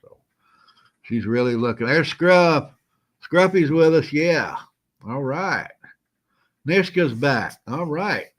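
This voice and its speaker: Guy hosting his live chat, folksy and chuckly, feeling kinda slow today. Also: fairly high pitch, lively intonation. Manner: folksy, chuckling, greets viewers by name. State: feeling unwell, moving slow. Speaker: host of a live stream. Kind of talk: casual live-stream chat.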